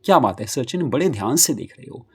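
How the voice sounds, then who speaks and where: A man's voice: medium pitch, animated, brisk, slightly rough. A man voicing a cheerful yet lonely middle-aged mother who talks in an easygoing, reassuring way. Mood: fond.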